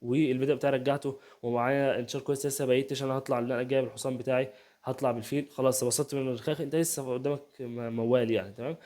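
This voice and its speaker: A young Egyptian man races through a chess game analysis at a breakneck clip, his voice dark and mellow. He keeps asking the listener whether they follow, in a loose, conversational way. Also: medium pitch, steady tone. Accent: Egyptian Arabic. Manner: rapid, chatty, keeps asking "تمام؟", voices players' banter. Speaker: chess youtuber. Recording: home setup, first video.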